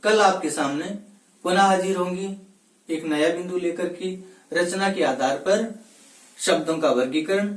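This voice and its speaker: A man teaching a Hindi lesson for exam preparation, reading out a word list slowly and distinctly, one word at a time. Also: high voice. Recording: roomy and distant from the mic.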